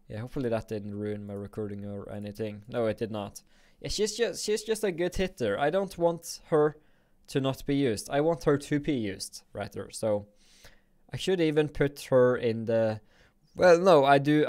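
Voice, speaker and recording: A man's voice: mid-range voice, darkish tone. Young man, game live stream, rambling self-talk, playful grumbling, home desk mic. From Norway. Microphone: desk microphone on a boom arm.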